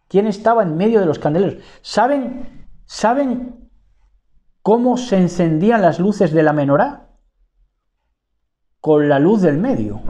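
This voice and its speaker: Male preacher, bible teaching sermon; mellow timbre, rhetorical questions, repeats and rephrases his words. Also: on the high side. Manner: asks rhetorical questions and answers them himself.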